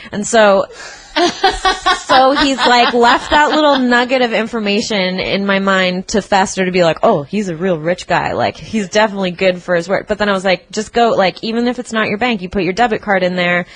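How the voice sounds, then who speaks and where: A woman's voice: medium pitch, moderate pace, dry recording, rough recording. A woman co-hosting a podcast, telling a work story in casual chat, acting out the people she quotes and laughing often. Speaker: podcast co-host. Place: apartment.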